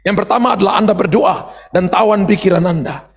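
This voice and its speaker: A middle-aged Indonesian man preaching with fervor, his high voice breathy and husky while gravel catches at its edges. He builds to shouts as the long reverb of a big church hall carries each word away. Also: fairly quick. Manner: impassioned preaching, rising to shouts. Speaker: pastor. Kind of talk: sermon.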